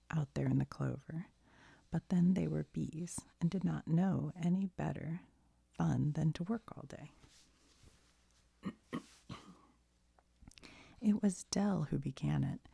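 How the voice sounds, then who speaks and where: Here a woman offers a soft ASMR bedtime story, her voice a deep, hushed, breathy half-whisper with a gentle storybook touch, captured in a dry recording.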